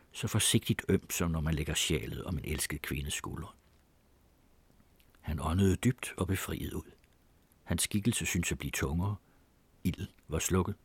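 A man narrating a memoir as an audiobook, in a measured, expressive reading. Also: sits low, slightly rough, no echo.

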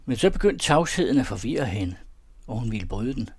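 A man calmly reading a romantic story aloud in a measured, softly expressive way. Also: mid-range voice, husky. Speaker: narrator. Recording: dry close recording.

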